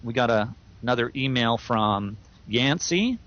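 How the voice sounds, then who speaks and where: Expressive and unhurried, a man with a mid-range, fairly bright voice co-hosts a podcast. He shares firm views in casual conversation and listener email readings, with fillers and restarts along the way. The recording has a dull, lo-fi quality.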